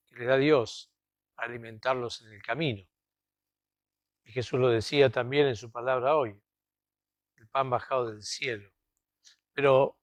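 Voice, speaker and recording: An Argentine man with a mid-range voice and an Argentine Spanish accent preaches a reflective homily in a cathedral, with no echo in the recording. His sermon is conversational and thoughtful, peppered with checking tags like "¿no?" and "¿vieron?"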